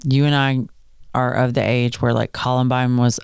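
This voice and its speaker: Podcast co-host, woman, 40s; lively storyteller who laughs a lot, smooth resonant voice with a gravelly edge, dry sound. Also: extremely low pitch, normal speed, no room sound. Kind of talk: casual podcast chat.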